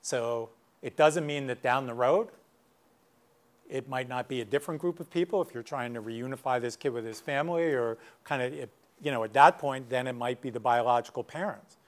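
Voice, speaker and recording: A middle-aged man leading a professional workshop, his voice sitting at an ordinary mid pitch. He talks loosely and conversationally, with frequent asides and stories from his practice. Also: brisk. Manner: conversational, many asides and anecdotes. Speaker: guest speaker, clinician. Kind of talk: workshop lecture.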